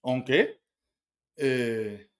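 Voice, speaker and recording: Hosting a casual livestream, a man from Cuba speaks in a mid-range, sing-song voice with a Cuban accent. He argues heatedly with viewer comments, talking quickly and repeating himself.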